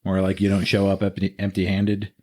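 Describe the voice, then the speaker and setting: Low-pitched man from the States, co-host, relaxed and joking, rambling questions. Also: fairly quick. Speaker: podcast co-host. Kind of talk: casual chat.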